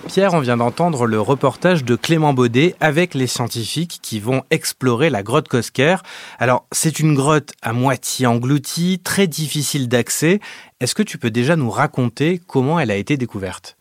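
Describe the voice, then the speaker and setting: A man from Marseille hosts the show and asks his guest questions in a relaxed conversational way. His voice sits in the middle range and is recorded dry in a studio. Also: medium pitch, normal speed, no echo. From Marseille, France. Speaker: podcast host. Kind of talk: interviewing.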